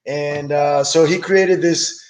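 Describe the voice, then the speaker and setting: A middle-aged man who grew up in Brazil, guest in a casual interview, relaxed and enthusiastic with hesitant restarts. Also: fairly high pitch, takes it slowly. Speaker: guest, business owner.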